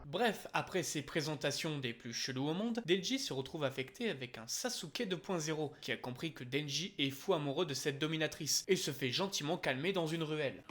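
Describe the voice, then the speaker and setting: Male comedic recap narrator, fairly high voice, sarcastic, irreverent and freely crude. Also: expressive, a little fast, hardly any pauses, background noise. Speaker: anime review video host.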